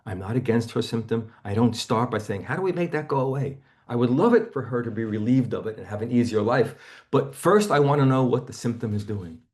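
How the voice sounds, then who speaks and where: A man's voice: mid-range voice, fairly quick, hardly any pauses, darkish tone. A man, a therapist, teaching a seminar in an earnest way and telling stories about clients, often repeating and restarting his phrases.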